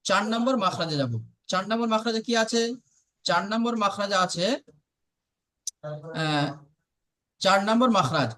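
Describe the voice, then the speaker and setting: High-voiced man patiently teaching. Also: bright, forceful tone. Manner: patient and repetitive, slowly drills sounds aloud. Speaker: Arabic pronunciation teacher. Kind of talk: online lesson.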